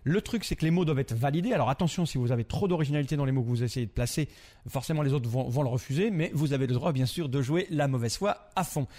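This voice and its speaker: A man's voice: medium pitch, fast talker, a little mellow. A man presenting a weekly board game review segment, explaining the rules in a chatty, direct way to the host.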